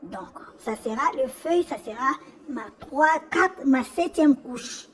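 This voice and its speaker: Higher-pitched woman, noisy recording. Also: lively intonation, unhurried. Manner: repeats words and phrases often. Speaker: sewing tutorial host. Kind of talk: casual spoken demonstration.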